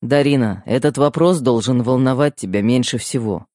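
A man's voice: medium pitch, animated, normal speed, darkish tone, no room sound, studio quality, lightly acted. A man playing a protective teenage younger brother who talks strictly and wearily in an audiobook. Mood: stern. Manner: strict, weary. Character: teenage boy, protective younger brother, stern but tired. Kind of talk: audiobook character voice.

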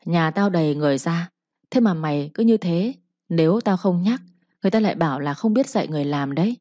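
A woman's voice: fairly low pitch, expressive, quick pace, warm tone, dry recording, lo-fi sound, lightly acted. A woman voicing a harsh young mistress who scolds and threatens her servant with contempt. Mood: scolding.

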